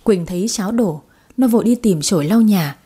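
A woman giving scripted story narration in a soft, dramatic way. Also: medium pitch, expressive, a little fast, husky.

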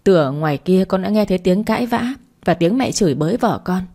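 A woman's voice: fairly low pitch, lively intonation, brisk, mellow. A woman voicing an angry young husband who snaps back at his mother in defense of his wife. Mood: exasperated.

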